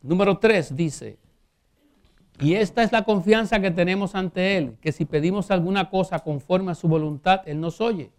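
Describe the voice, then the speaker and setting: A man preaching a sermon, reading scripture aloud and asking rhetorical questions, slowing down on key phrases. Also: high voice. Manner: reads scripture aloud and comments.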